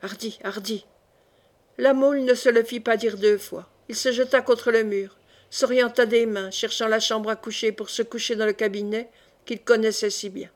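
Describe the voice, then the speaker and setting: Lectrice d'audiobook, voix de femme un peu aiguë, lecture posée d'un roman classique. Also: female voice, on the high side, steady tone, normal speed. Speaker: audiobook reader. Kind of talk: audiobook narration.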